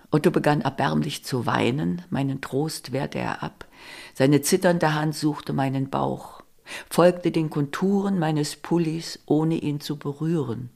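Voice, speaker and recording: Slow, gravelly woman reading a novel. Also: sits low, a little mellow. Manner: measured, intimate first-person narration. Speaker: reader. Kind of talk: literary reading of a novel excerpt.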